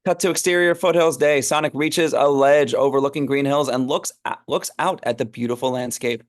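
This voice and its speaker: A man's voice: medium pitch, steady tone, fairly quick. A man narrating a script read, reading stage directions aloud in an informal, amused way.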